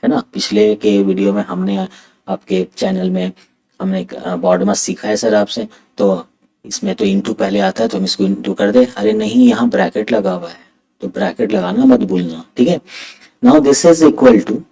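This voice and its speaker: A man teaching an exam-prep math lesson, talking softly on purpose late at night at home and mixing Hindi with English. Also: medium pitch, very animated, measured pace, gravelly, low-quality recording. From India.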